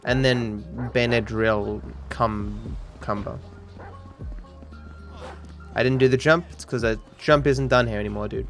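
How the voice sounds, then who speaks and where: A man with a cultivated Australian accent close to British, chatting casually and rambling with deadpan humor as he hosts a gaming stream. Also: medium pitch, a little slow, vocal fry. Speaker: livestream host, speedrunner. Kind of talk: casual chat while gaming. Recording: music behind the voice. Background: music.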